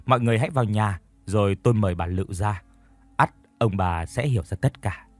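A man voicing a stern older village woman who speaks bluntly and briskly. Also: lowish voice, no room sound, soft background music, close to an everyday voice.

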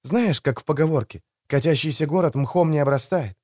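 A man voicing a quiet, wary young female exile, in a storybook reading. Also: on the high side, fairly quick, no room sound, studio quality, pitched above the performer's own voice, natural voice. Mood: hushed. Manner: quiet, whispering.

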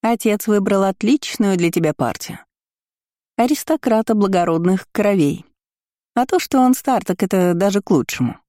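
A woman voicing a spiteful young woman who sneers and mocks in a shrill, high voice. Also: expressive, moderate pace, mellow, no room sound, natural voice. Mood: gloating.

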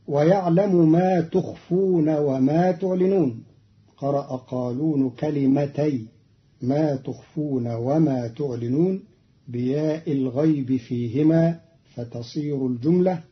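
A man from Egypt giving a formal, deliberate explanation of Quranic reading variants, slowing into a chant for each quoted verse. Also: fairly high pitch. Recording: dull old radio broadcast recording.

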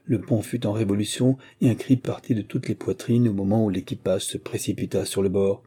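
A man reading a novel aloud as an audiobook, in steady, measured narration. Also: on the low side, husky. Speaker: audiobook reader. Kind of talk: scripted narration.

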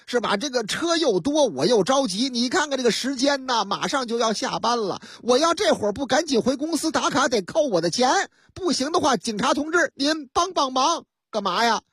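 Picture a harried young father behind the wheel, played by a woman, tripping over his words as he begs and explains in a quick, breathy rush. The voice sits a touch high and swings up and down a lot, husky and close on a dry mic. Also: lively intonation, a bit bright, dry recording, full character voice. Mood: flustered. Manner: fast pleading rambling with stammered repeats. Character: flustered young father driver, pleading and rushed.

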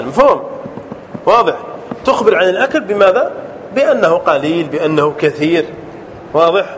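A man with a high, lively voice teaching a grammar lesson, often pausing to ask his students whether it is clear. The recording sounds dull and lo-fi, with a faint hiss behind him. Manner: checks understanding often with repeated questions. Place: classroom.

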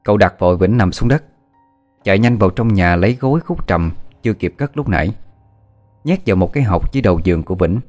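Deep-voiced male ghost-story narrator. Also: expressive, fast, darkish tone, faint music behind.

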